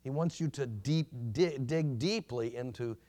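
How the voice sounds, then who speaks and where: A man with a mid-range voice teaches a church class. His delivery is earnest but halting, full of restarts and fillers as he works through each point. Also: mid-range voice, mellow. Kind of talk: informal church history lecture.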